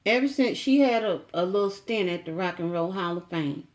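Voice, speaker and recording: A woman's voice: on the low side, lively intonation, moderate pace, darkish tone. A middle-aged woman chatting casually to camera at home, folksy and teasing, with frequent asides to her viewers. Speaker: vlogger.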